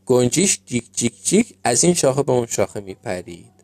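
Mellow man reading a children's story. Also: medium pitch, very animated, no room sound.

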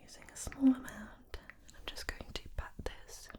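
Woman, whispered role-play, breathy doubled whisper, unhurried pace, gentle make-up artist, reassuring. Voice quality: soft, breathy unvoiced whisper. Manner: gentle, attentive, reassuring personal attention. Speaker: ASMR host playing a make-up artist.

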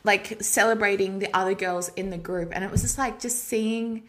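A woman's voice: mid-range voice, fairly even intonation, moderate pace, fairly bright tone, rough recording. Emphatic, effusive woman podcast co-host. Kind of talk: casual podcast chat.

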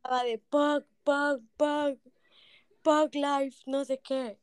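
Podcaster, higher voice, dry close mic, lively storyteller. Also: female voice, slow pace, no room sound. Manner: animated, acts out quoted voices. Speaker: podcast co-host. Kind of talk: casual storytelling chat.

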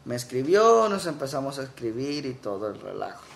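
A man's voice: medium pitch, sing-song, brisk, gravelly. A man with a Mexican Spanish accent, telling a story in a casual chat with wry, dry humor. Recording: echoey room.

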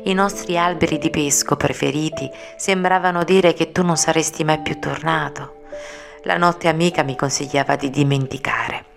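A frail, gentle young woman in an audiobook speaks softly with quiet, resigned tenderness, as a woman narrator reads her part. The voice is low and slightly gravelly. Music plays clearly behind her. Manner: soft, slow, tender speech.

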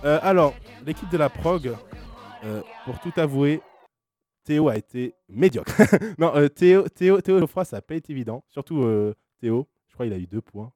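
A man's voice: fairly high pitch, animated, moderate pace, a little mellow, dry recording, faint music behind. A man in his twenties hosting a blind test in casual chat, teasing and playful, laughing often. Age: 20s. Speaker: radio host running a blind test.

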